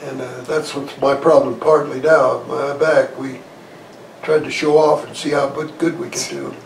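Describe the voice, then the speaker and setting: Gravelly elderly man, halting and folksy. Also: medium pitch, level tone. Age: 80s. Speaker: Korean War veteran being interviewed. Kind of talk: conversational oral-history recollection. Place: small living room, indoors, in armchair. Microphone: lavalier clipped to shirt. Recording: roomy, distant sound with faint noise.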